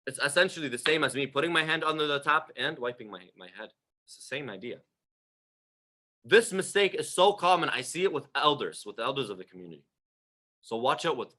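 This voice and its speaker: A man's voice: fairly high pitch, pushed and bright. A man giving a religious lecture, direct and emphatic, full of rhetorical questions aimed at his listeners. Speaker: religious teacher.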